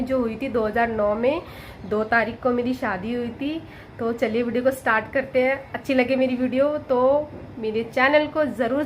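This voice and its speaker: A woman's voice: on the high side, a little hiss or hum. A woman in her thirties, a vlogger, chatting casually and with amusement as she walks through her wedding photos.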